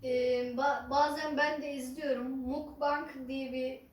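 A woman chatting casually to viewers as an eating vlogger, halting and unhurried, with some drawn-out words. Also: high-pitched, flat delivery. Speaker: mukbang ASMR vlogger. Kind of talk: casual chat to camera while eating. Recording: roomy echo, distant mic, faint noise.

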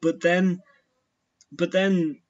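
A man's voice: high-pitched, little pitch movement, extremely slow, a little mellow, lo-fi sound. A man co-hosting a casual film review chat, with dry, wry asides.

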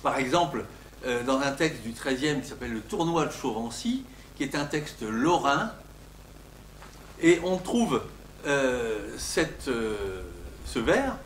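An older man, a linguistics professor, giving an academic lecture, animated and emphatic on his example words, with frequent hesitations. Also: mid-range voice, slow, slight background noise. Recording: echoey lecture room.

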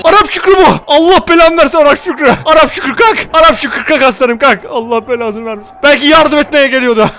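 A young Turkish-accented man, his voice sitting unusually high for a man, talks through a game. He swings between yelling at characters on screen and muttering slangy asides. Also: quick pace, hardly any pauses, faint music behind. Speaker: gaming video host. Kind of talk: excitable let's-play commentary.

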